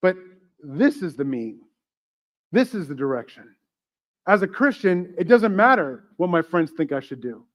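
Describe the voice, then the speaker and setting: A man preaching as pastor to his church, chatty and joking, asking the congregation questions. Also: high voice. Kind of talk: sermon.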